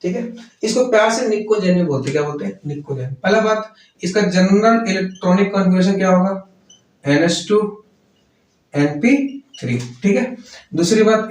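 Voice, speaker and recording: A man teaching a chemistry class, asking questions and answering them himself, repeating key words. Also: high voice. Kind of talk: classroom lecture. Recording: roomy echo, voice from far off.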